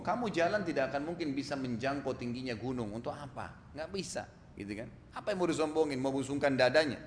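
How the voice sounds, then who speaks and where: A man preaching a sermon, telling a story and posing rhetorical questions. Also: a little high. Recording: echoey hall, faint noise.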